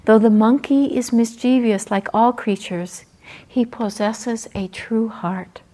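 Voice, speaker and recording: Woman voicing a wise buffalo, male, gentle, slow, soft, storybook. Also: fairly high pitch. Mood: calm.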